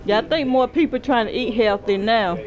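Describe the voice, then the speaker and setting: A woman's voice: on the high side, fairly quick, a crowd in the background, low-quality recording. A woman, interviewing casually and deferentially, often with brief acknowledgements.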